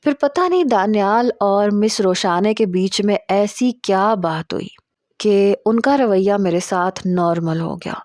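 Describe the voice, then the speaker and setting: A woman's voice: medium pitch, darkish tone, no room sound, clean studio sound. A woman narrating a first-person romance novel in a confiding storytelling manner. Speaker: audiobook narrator.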